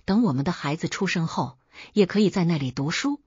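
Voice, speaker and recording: A woman narrating a first-person family drama story in a steady, even reading. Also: fairly low pitch, fairly quick, breathy edge, no room sound, dull audio.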